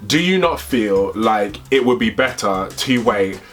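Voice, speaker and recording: A young man from the UK co-hosting a vlog, chatting casually in a playful, animated way. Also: on the low side, a little slow, faint music behind. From United Kingdom. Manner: animated and playful, bursts into excited squeals. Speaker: co-host. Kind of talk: casual chat.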